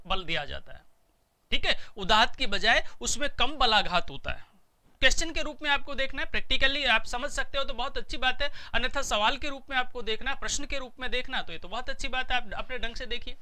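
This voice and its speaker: A middle-aged male teacher with a very bright, ringing voice, giving a recorded lecture. He explains patiently, going back over each point in slightly different words. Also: very high-pitched.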